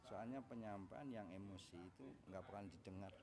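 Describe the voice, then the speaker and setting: A man's voice: sits low, brisk. A middle-aged man in a casual talk, giving frank advice about how to speak to people. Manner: frank, advising tone. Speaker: podcast co-host. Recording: steady background hiss.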